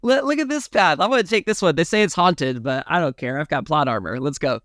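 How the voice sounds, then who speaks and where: A man's voice: a little high, expressive, brisk, a bit bright, no echo, studio quality, voice pushed up. A man putting on the voice of a brash young adventurer, quoting him in a cocky, breezy way while retelling a film.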